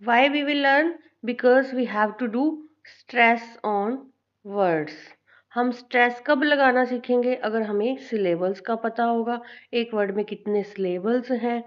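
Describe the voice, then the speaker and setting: Woman teacher, Indian accent, slightly high pitch, spells out letters patiently, dull lo-fi recording. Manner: slow and deliberate, spelling out letters and repeating for students. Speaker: English teacher. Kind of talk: classroom lesson mixing Hindi and English.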